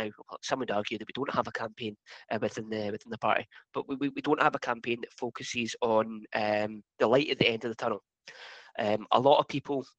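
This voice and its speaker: Man, Highland Scottish accent, medium pitch, hesitant and repetitive phrasing, informal campaigner talk, very dry sound. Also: fairly bright tone, no room sound, rough recording. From Scottish Highlands and Islands. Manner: hesitant, halting delivery with repeated words. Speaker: political campaigner.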